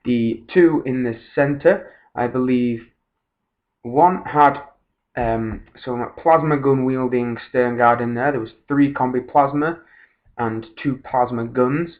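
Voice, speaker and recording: A man's voice: mid-range voice, slow, narrow, tinny audio. A man casually narrating a tabletop battle recap in a hesitant, informal way, sounding a little far away on a built-in laptop microphone. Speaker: tabletop wargamer presenting a battle report. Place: voice-over recorded at a laptop. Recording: band-limited laptop built-in microphone, slightly distant.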